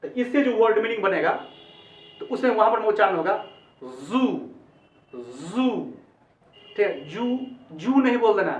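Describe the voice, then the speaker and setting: A man's voice: high voice, lively intonation, fairly quick. A man teaching English pronunciation in a lesson, repeating each sound several times and calling the viewers friends. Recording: echoey, distant, dull lo-fi sound.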